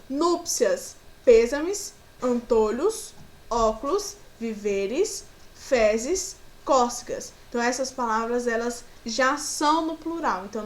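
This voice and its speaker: A woman's voice: high voice, a bit bright. A woman with a Brazilian Portuguese accent teaching a grammar lesson to children, patiently walking through example words.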